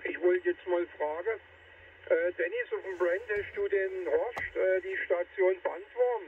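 A man's high voice comes in over CB radio, thin and tinny as if heard from across the room, with a light hiss of static under it. He chats easily, calling the other stations by name and filling his pauses with little hesitations. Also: recorded from a distance. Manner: chatty, filler-heavy, calls other stations by name. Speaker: CB radio operator filming the round. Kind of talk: casual radio chat.

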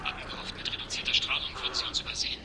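An actor playing a quarian marine commander cut off by the enemy, reporting in terse, half-whispered military talk over a crackling sci-fi radio link. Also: male voice, very fast. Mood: tense. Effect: crackly sci-fi radio transmission. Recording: very noisy, hissing radio comm.

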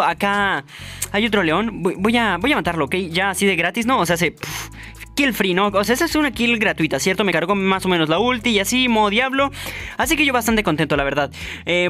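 Young man, high voice, rapid talk, game music underneath. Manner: excitable, playful, addresses viewers, shouts at big moments. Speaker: gaming YouTuber. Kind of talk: energetic gameplay commentary.

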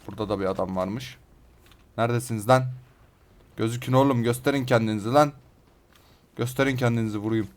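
A man hosting a gaming channel, giving excited live commentary on his own play with rough banter aimed at his viewers. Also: medium pitch, fairly quick, long pauses.

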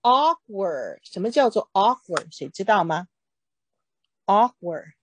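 A woman with a mid-pitched voice teaching an English reading lesson in Mandarin. She moves through the phrases and checks in with an easy OK. The sound is dry and close, with little room around it. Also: animated, normal speed, slightly rough, dry recording. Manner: explains English phrases in Mandarin, often says OK.

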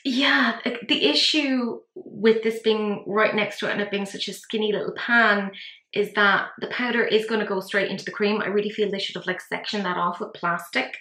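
A woman's voice: mid-range voice, a bit bright, roomy sound, poor audio. A woman with an Irish accent doing a casual makeup review, chatty and filler-heavy, who talks herself through setbacks. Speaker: beauty vlogger.

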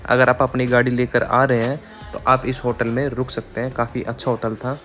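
A man's voice: medium pitch, level tone, fairly quick. A man narrating a travel vlog voice-over, giving practical tips to viewers he calls friends. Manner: informative, addresses viewers as friends. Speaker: travel vlogger. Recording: heavy music and crowd noise under the voice.

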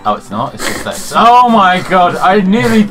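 A man's voice: high voice, very animated, moderate pace, fairly bright tone, faint music behind. A man playing through a game in casual chat, hesitant and muttering, with blunt swearing. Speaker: player on a co-op playthrough.

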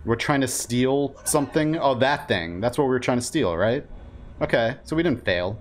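A man's voice: mid-range voice, lively intonation, normal speed, a little hiss or hum. A man doing casual live gameplay commentary, rambling informally and reacting aloud as he streams. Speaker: game streamer. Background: game ambience.

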